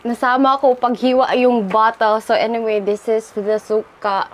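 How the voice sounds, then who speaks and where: A woman's voice: fairly high pitch, moderate pace. Gushing Filipino woman vlogger. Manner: gushing, excitable exclamations; mixes English and Tagalog. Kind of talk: casual unboxing vlog. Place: her bedroom.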